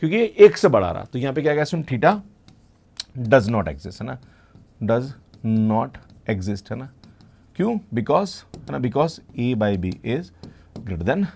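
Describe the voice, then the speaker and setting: A man's voice: mid-range voice, very animated, takes it slowly, vocal fry, long pauses, a little mellow, a little hiss or hum. A middle-aged man teaching a math class at a board. He mixes in technical English terms, checks in with the students again and again, and calls them "beta". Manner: addresses students as "beta", constant "hai na" check-ins.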